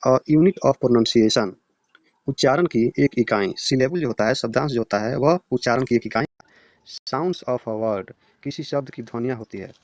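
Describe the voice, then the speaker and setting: A man teaching an English grammar lesson in Hindi, reading English definitions slowly, then explaining quickly and repeating example words. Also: mid-range voice, darkish tone, dry recording. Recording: slightly dull lo-fi recording.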